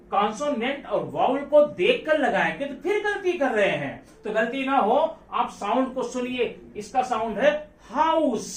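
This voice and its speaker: A man's voice: extremely high pitch, fairly bright tone. A male teacher giving a classroom grammar lesson, who keeps asking his students questions and repeats key words. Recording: echoey room, voice from a distance.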